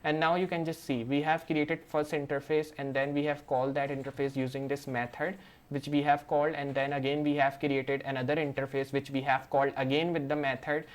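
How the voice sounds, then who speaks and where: A man's voice: medium pitch, flat delivery, a little fast. Brief: male tutor, screen-recorded coding walkthrough, explains each step as he goes, heavy on verbal fillers. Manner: walks through steps while working; leans on fillers like "you can say". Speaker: programming tutor.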